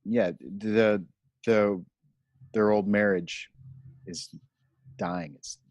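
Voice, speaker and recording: Deep-voiced man, halting and dryly recorded. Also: big pitch swings, gravelly, a little mellow, no room sound. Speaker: podcast co-host. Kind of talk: casual discussion.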